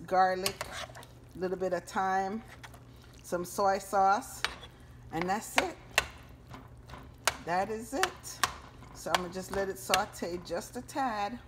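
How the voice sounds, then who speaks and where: This is a home cooking channel host with a medium-pitched voice, chatting casually to viewers while she works at the stove. Her handheld phone camera records some background noise.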